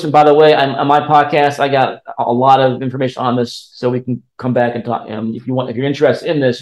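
A man's voice: mid-range voice, darkish tone. A man hosting a podcast, introducing things casually and off the cuff, rambling and rephrasing as he goes. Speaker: podcast host. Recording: echoey room sound.

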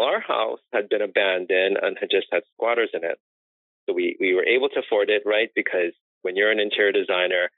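A low-pitched American man, chatty and quick to laugh, shares long stories about his life and interior design career in an interview. The recording is dry and tinny, phone-like, with no echo.

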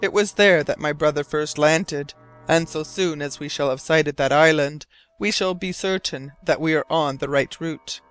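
A man's voice: on the high side, moderate pace, fairly bright tone, soft background music, natural voice. A man reading as a grave, determined sea captain. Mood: earnest.

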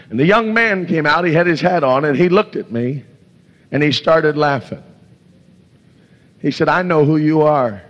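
A male evangelist preaches with passion, weaving in stories and breaking out in hallelujahs. His voice sits a little high. The sound is muffled and lo-fi, with a long echo from a big hall. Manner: impassioned, exclaims hallelujah and glory to God. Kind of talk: sermon with storytelling. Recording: echoey hall, dull lo-fi sound.

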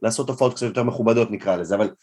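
A young man, a guest comedian, tells an anecdote in a casual, self-deprecating and animated way. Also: fairly low pitch, husky. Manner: animated, self-deprecating storyteller who acts out quotes. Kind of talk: casual storytelling in a podcast interview.

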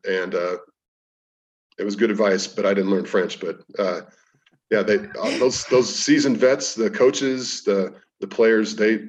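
Brief: a lower-pitched man, a podcast guest, anecdotal and loose, restarting sentences; heard from a distance. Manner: rambling, anecdotal, frequent restarts. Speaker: podcast guest, strength coach. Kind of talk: casual storytelling interview. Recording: distant, dull lo-fi sound.

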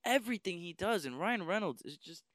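A man's voice: high voice, lively intonation, brisk, fairly bright tone, no room sound. A man co-hosting a podcast in casual film chat, quoting favorite lines and sharing trivia with enthusiasm. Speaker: podcast co-host.

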